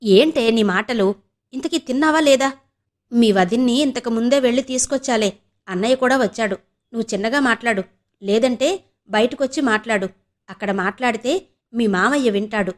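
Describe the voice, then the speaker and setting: A woman's voice: on the high side, normal speed, pauses often, lightly acted. A woman voicing a worried middle-aged mother who coaxes and frets over her daughter in an audio novel. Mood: anxious. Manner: coaxing, fretful.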